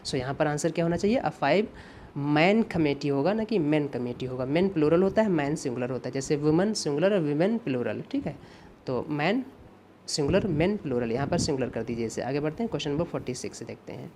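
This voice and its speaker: A man teaching an exam-prep English grammar lesson, explaining patiently, repeating points and often checking in with his students. He reads the English example sentences slowly and deliberately. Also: on the high side, expressive, background noise. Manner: patient, repetitive, checks in with "ठीक है" and "है ना".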